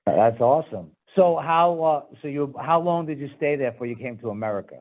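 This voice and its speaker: A man's voice: mid-range voice, expressive, fairly quick. A man with a Brooklyn, New York accent hosting a casual interview over a video call, enthusiastic and complimentary. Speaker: interview host. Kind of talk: casual remote interview chat. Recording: dull lo-fi video-call audio.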